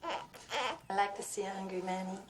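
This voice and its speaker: An actress playing a calm, gentle frontier woman who speaks softly. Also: mid-range voice, a little fast, very noisy, lightly acted. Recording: film soundtrack with music underneath.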